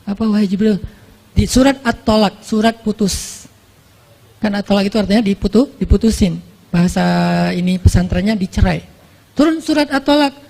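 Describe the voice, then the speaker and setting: A woman preacher telling a religious story in a chatty, animated way, full of rhetorical questions. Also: medium pitch, moderate pace, vocal fry, in a large hall. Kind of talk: lively religious storytelling sermon.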